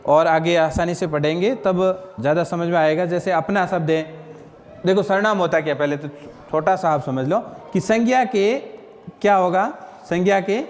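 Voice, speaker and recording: High-voiced man teaching Hindi grammar. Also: in a large hall. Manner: asks and answers own questions, repeats "ठीक है ना?". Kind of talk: classroom lecture.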